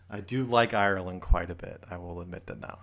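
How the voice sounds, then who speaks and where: A man's voice: deep voice, fairly even intonation, moderate pace, a bit bright. An American man in casual podcast talk, with a dry, wry manner and easy laughter. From United States.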